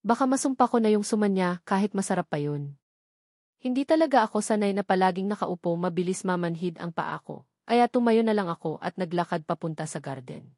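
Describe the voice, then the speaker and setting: Reading a first-person novel from a script, this Filipino-accented woman narrates an audiobook in a mid-range voice with a darkish tone. The recording is studio quality, free of room sound.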